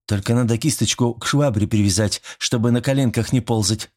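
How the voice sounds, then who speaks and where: A man reading an audiobook, voicing an eager, easily offended teenage schoolgirl who chatters excitedly and indignantly. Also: medium pitch, brisk, pitched above the performer's own voice, natural voice. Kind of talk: audiobook character voice.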